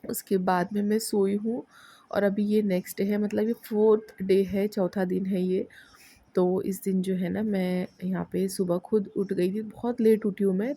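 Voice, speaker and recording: A young woman from India talks through her day in a relaxed personal vlog. Her voice sits at an ordinary pitch, and she rambles in a chatty way, with lots of fillers and English words mixed into her speech. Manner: chatty, frequent fillers and Hinglish asides. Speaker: vlogger. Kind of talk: casual personal vlog narration.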